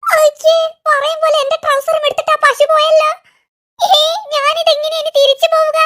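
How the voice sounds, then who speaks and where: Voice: very high-pitched, little pitch movement, moderate pace, a bit bright. Ikru, a whiny cartoon boy. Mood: panicked. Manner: whiny, indignant, pleading. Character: hapless boy who lost his trousers. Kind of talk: cartoon voice acting.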